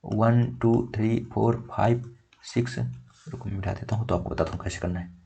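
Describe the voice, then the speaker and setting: A man's voice: on the low side, fairly even intonation, moderate pace, vocal fry, dark tone, slightly rough, muffled recording. A young man coaching students for an exam, chatting casually as he shows his notes and counts pages aloud. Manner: conversational, repeats "theek" often, counts pages aloud. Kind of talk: casual tutorial, showing notes.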